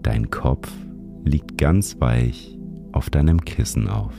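A man narrating a sleep meditation like a bedtime story narrator, guiding the listener gently and soothingly. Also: very deep voice, takes it slowly, vocal fry. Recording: music behind the voice. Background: music.

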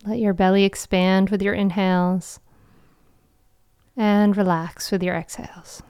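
A woman guiding a meditation in a soft, soothing, slow voice with long pauses, breathy and trailing toward a whisper. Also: medium pitch, level tone, no echo, clean studio sound. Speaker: meditation guide and show host. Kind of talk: guided meditation.

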